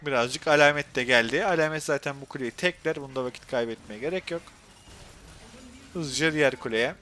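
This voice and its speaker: A young man with a Turkish accent commentating his own gameplay on a live stream, excitable and quick to go from muttering to frustrated outbursts. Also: mid-range voice, slight background noise.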